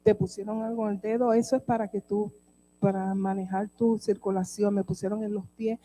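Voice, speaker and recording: A woman's voice: mid-range voice, little pitch movement, fairly quick, mellow, a little hiss or hum, poor audio. Woman preaching a heartfelt testimony. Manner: emotional storytelling, addresses congregation as beloved. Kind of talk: sermon testimony.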